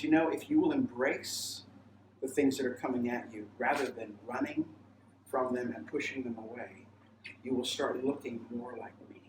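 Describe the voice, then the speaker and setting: A man's voice: mid-range voice, noisy background. A pastor telling a rambling personal testimony in a sermon, acting out the voices he quotes. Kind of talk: testimony sermon at a mission training. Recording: roomy sound, mic far off, faint ambience.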